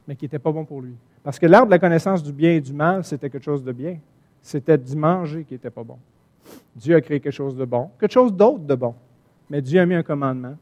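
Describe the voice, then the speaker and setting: Fervent Quebec French preacher, mellow tone. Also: male voice, fairly high pitch. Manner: animated, swings from soft asides to loud emphatic points. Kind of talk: sermon teaching from the Bible.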